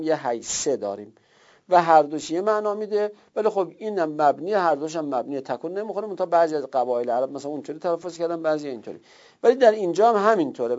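A man's voice: a little high, mellow. A man teaching a classroom grammar lesson, explaining step by step and repeating himself for emphasis. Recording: dull lo-fi recording.

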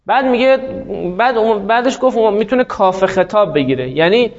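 A man teaching a classroom grammar lesson, explaining step by step and slowly spelling out example words. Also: high voice, lo-fi sound.

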